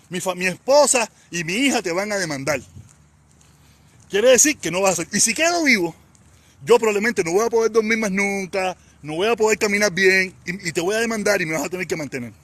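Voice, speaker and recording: A man from Havana with a Cuban accent, ranting heatedly and confrontationally on a live stream, often shouting. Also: high voice, animated, fairly quick, pauses often, breathy edge, dry recording. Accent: Cuban Spanish (Havana). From Havana, Cuba. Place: outdoors in a casino parking lot.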